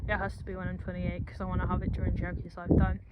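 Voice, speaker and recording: Filming her stable yard, a young woman narrates a casual vlog, rambling and tossing in jokes. She speaks at a racing clip in a lowish, completely flat voice, and the dull audio picks up outdoor background noise.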